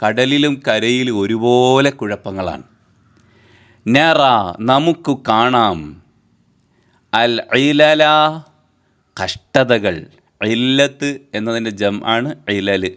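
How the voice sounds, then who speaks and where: A male teacher going through a poem line by line for students. He recites each verse slowly and drawn out, then patiently glosses every word, repeating the meaning in several ways. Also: mid-range voice, fairly bright tone, clean tone.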